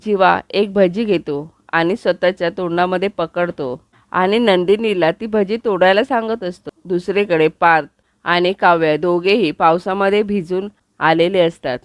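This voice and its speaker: A woman retelling a TV serial episode as a steady storytelling recap, speaking close to the mic. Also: fairly low pitch, measured pace, dry recording.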